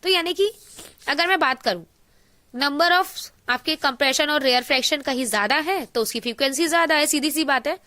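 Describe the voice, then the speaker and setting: A woman teaching a science class online, explaining in Hindi mixed with English terms, asking and answering her own questions and reading definitions out slowly. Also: high-pitched, pushed and bright.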